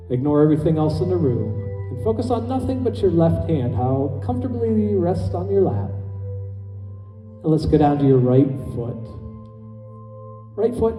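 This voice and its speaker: A man speaking as a stage hypnotist, slowly and soothingly guiding volunteers through a relaxation induction. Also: a little high. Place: stage in a hall with an audience. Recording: echoey hall, far from mic, music behind. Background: soft background music.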